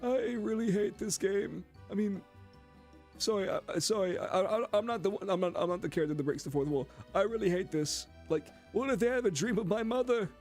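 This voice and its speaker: A grumpy, whiny young guy, voiced by a man who complains and stumbles over his words. His voice sits high above a normal man's range. Faint music plays behind him. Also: a little fast, a little mellow. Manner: whiny, stammering restarts, swears.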